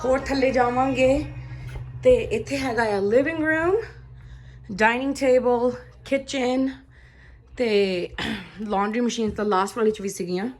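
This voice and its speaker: A woman with a slightly high voice talks in a casual vlog style. She is chatty and informal, and she drops English phrases into her sentences as she addresses her viewers. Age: adult, a mother of children. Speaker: vlogger.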